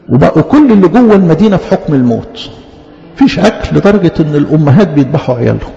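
Egyptian male preacher, slightly high and gravelly, questions and answers himself, long hall reverb. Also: dark tone. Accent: Egyptian Arabic. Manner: questions and answers himself, quotes liturgy in a slow chant-like cadence. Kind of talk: sermon. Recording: dull, reverberant hall sound.

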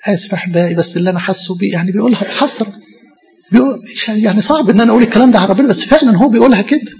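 A man's voice: high-pitched, very fast, a little mellow, long reverb tail, dull audio. A man with an Egyptian Arabic accent, a priest giving an impassioned sermon straight to his congregation. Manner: impassioned preaching, addresses the congregation directly.

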